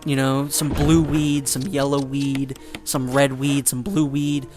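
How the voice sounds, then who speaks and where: A man's voice: mid-range voice, little pitch movement, unhurried. Rambling man commenting over game music. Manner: rambling, joking asides, frequent fillers. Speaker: let's play commentator. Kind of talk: casual gameplay commentary.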